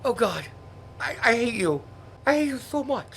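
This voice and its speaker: A man's voice: very high-pitched, sing-song, moderate pace, gravelly, very noisy. A man co-hosting a comedy show, reacting to a plot in an exasperated, mocking way. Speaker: co-host reacting to the script. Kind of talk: comedic banter.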